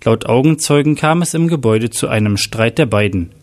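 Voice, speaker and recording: A man's voice: medium pitch, expressive, brisk, close to an everyday voice. A man voicing a male radio news announcer in an audio crime story, reading the report formally.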